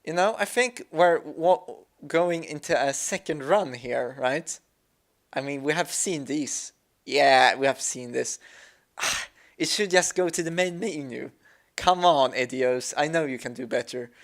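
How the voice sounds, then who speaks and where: A young man from Sweden with a Swedish accent, a native Swedish speaker and gaming YouTuber, gives hesitant, casual commentary over a game, full of fillers and restarts. His voice sits on the high side, a little slow and a bit bright.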